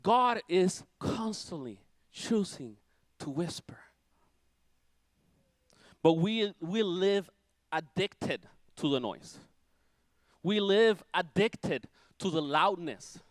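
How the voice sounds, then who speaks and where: A man preaching with a high, very lively voice that leaps between ringing declarations and hushed near-whispers. The sound is dry and close, with no room echo. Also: takes it slowly. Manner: dramatic, swings from loud declarations to near-whispers. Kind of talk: sermon.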